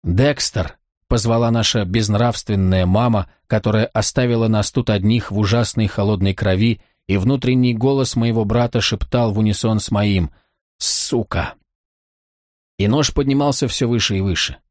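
A man narrates a first-person audiobook in a low, steady voice, measured and tense. The recording is dry and close, with no room sound. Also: dry recording.

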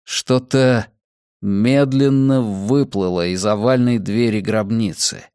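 A man narrating an audiobook in a measured, dramatic reading style. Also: on the low side, a little mellow, clear, resonant tone, dry recording, clean studio sound. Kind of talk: scripted narration.

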